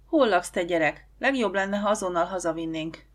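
A woman's voice: lowish voice, lightly acted. A woman reading the part of a self-assured, joking young male lawyer in an audiobook. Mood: teasing.

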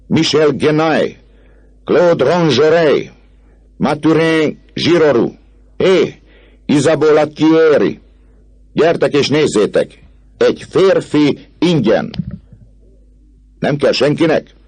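A man voicing a loud, rowdy male vagabond king in an audiobook, calling out and mocking like an auctioneer, with a husky, gravelly voice. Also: mid-range voice, very animated, voice pushed up. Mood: shouting. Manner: shouting, mocking, theatrical. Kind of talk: audiobook reading.

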